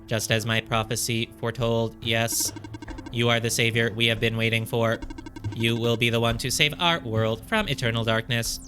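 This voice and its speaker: A man's voice: mid-range voice, fairly even intonation, normal speed, over music, lightly acted. A man voicing a polite, formal robot guide while reading game dialogue aloud in a let's play, with a stiff, stately delivery. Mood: solemn.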